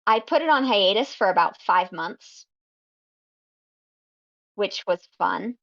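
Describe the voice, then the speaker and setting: Woman, podcast guest, slow and thoughtful, ums a lot, slightly dull lo-fi sound. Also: medium pitch, lively intonation, vocal fry, a bit bright. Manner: unhurried, thoughtful, frequent ums. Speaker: guest fanfiction writer. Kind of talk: casual podcast interview.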